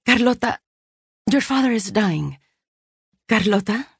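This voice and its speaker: A woman's voice: medium pitch, lively intonation, unhurried, vocal fry, breathy edge, no echo, studio quality, pitched above the performer's own voice, heavily acted. A woman narrator voicing a wary, serious woman who calls her estranged sister. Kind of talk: audiobook character voice.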